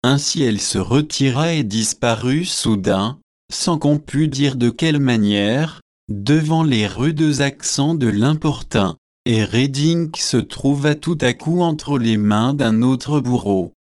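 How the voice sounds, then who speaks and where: A man reading a classic novel aloud as an audiobook narrator, with a measured, even delivery. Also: mid-range voice, dry recording, studio quality.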